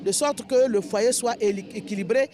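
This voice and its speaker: A woman speaking slowly and deliberately in a news interview about her association. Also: a little high, dark tone. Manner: slow, deliberate. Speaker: association member. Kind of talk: interview soundbite.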